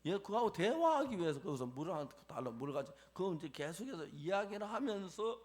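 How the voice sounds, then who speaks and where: A man preaching a chapel sermon, acting out quoted dialogue with animated delivery. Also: high voice, a little fast.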